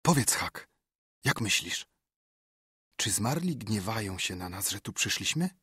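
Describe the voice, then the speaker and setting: A jittery young boy murmurs his questions in a soft, hushed whisper, as a man puts him on. The voice is husky and kept low. The recording is dry and close. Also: very animated, measured pace, no room sound, heavily acted. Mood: uneasy. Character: uneasy boy, Tom, whispering nervously.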